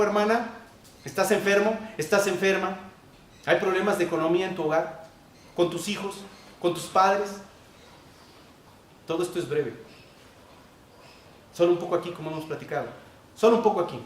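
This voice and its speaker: A male pastor preaching a sermon, repeating key phrases and swinging between loud emphasis and quiet asides. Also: high-pitched. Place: church hall. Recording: echoey church hall, distant mic.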